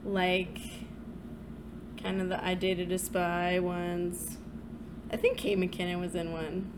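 A woman co-hosting a podcast in casual, comedic chat, chatty and quick to laugh. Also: fairly low pitch, flat delivery, background noise. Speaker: podcast co-host.

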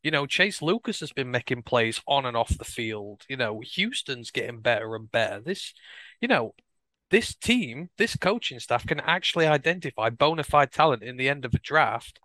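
A man's voice: mid-range voice, lively intonation, moderate pace, sharp tone, no echo. A man talking casually and enthusiastically on a sports podcast, stressing his points. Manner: enthusiastic, emphatic, repeats words. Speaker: co-host.

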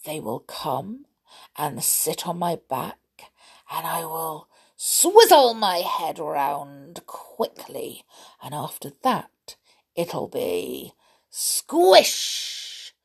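A woman's voice: sits low, big pitch swings, extremely slow, vocal fry, slightly rough, voice pushed down, exaggerated voice. A woman playing a sly greedy crocodile. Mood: gloating. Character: greedy scheming male crocodile, big and sly.

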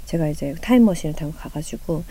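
A woman's voice: low voice, lively intonation, fairly quick, dark tone. A woman in her thirties, an author being interviewed, talking candidly and laughing often as she acts out what friends said. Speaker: author guest. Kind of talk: casual interview chat.

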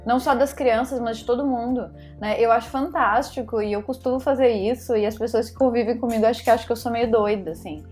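A woman's voice: fairly high pitch, fast, few pauses, darkish tone, faint music behind. A middle-aged woman, a psychologist talking on a podcast in an emphatic way that repeats rhetorical questions. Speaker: psychologist guest. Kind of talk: podcast conversation.

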